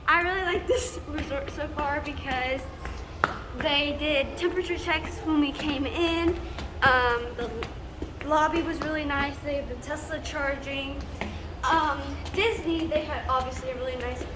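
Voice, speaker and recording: A woman with a high voice chats upbeat and casual in a family vlog, dropping fillers as she goes. Clear background noise runs under her voice. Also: unhurried, reverberant. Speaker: family vlogger.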